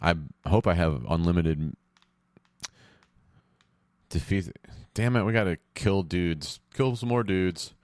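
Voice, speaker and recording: A man casually narrating his video game play to himself, rambling, swearing and getting loud during fights. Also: deep voice, takes it slowly, long pauses, no echo. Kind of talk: casual let's-play commentary. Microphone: headphones on, close podcast mic.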